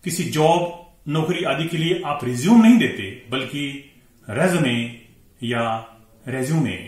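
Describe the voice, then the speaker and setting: A man teaching English pronunciation, spelling words out letter by letter and repeating each one slowly. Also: medium pitch. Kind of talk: pronunciation lesson. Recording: very echoey room.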